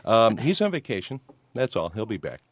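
A man hosting a call-in radio talk show, speaking in a smooth radio host manner from a studio microphone. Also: fairly low pitch, sing-song, normal speed, dry recording.

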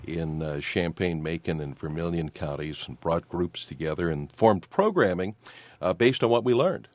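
Smooth low-voiced male radio host. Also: animated, normal speed, dry recording. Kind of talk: call-in radio talk show. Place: radio studio. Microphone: studio microphone.

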